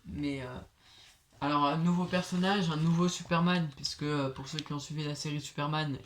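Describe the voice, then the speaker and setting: A young man with a slushy lisp, his s sounds slurring toward sh, presenting casually and haltingly like a home vlogger. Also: fairly high pitch, a little hiss or hum. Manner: halting, hesitant, filler-heavy. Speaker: host of a comic book collection video series.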